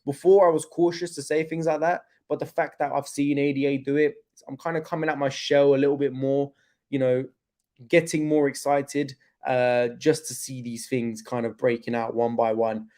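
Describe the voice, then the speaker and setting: A young man hosting a crypto livestream, chatting casually, loose with slang, slowed by pain from his hip. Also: medium pitch, little pitch movement, mellow. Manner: chatty, laid-back, loose with slang and fillers.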